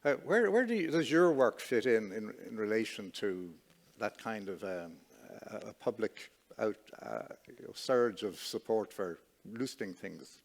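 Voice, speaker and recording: A man moderating a panel discussion, asking hesitant, halting questions. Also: lowish voice, big pitch swings, creaky.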